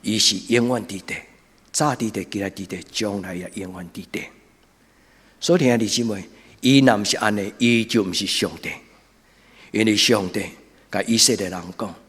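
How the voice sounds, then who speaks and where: A man with a Taiwanese Hokkien accent preaching a church sermon as a pastor, in short, deliberate, emphatic phrases. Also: on the low side, a bit bright, slightly rough. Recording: reverberant hall sound, long echo.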